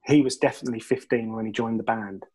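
A man's voice: lowish voice, fairly even intonation, fast, darkish tone, slightly rough, rough recording. A man, a musician guest telling rambling, laugh-filled stories and swearing freely. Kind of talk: casual storytelling interview.

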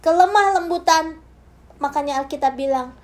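Speaking at a normal speed in a voice that sits high, a woman preaches a sermon built around her own testimony. She talks straight to the congregation, swinging from soft and hushed to loud and forceful.

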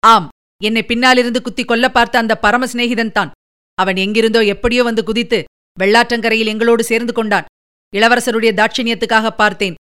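Young noble warrior, hot-tempered and urgent, read by a woman narrator, clear smooth tone, quick delivery in a storybook. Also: on the high side, fairly even intonation, fairly bright tone, lightly acted.

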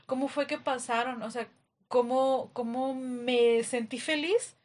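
A woman's voice: sits high, fairly even intonation, takes it slowly, a little mellow. A woman with a Mexican accent in a casual podcast chat, thinking aloud with a lot of hesitation. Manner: hesitant, many fillers and restarts.

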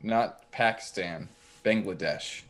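A man's voice: fairly low pitch, takes it slowly, a bit bright. A young man co-hosting a casual podcast, telling a rambling, mock-boastful story about himself. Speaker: podcast co-host.

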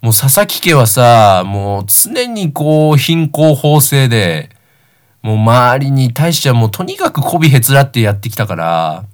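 A young man of about nineteen talks alone as host of a comedic talk show. He rambles through anecdotes and mocks himself, and his pitch swings widely up and down as he goes. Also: big pitch swings, a little slow. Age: young adult, about 19. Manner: rambling, self-deprecating comic storytelling.

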